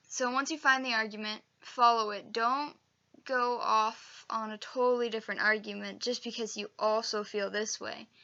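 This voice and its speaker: A young woman giving a casual, chatty acting lesson, emphatic and quick to correct herself. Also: fairly high pitch, creaky, pushed and bright, dull audio. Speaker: acting teacher. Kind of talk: casual instructional video.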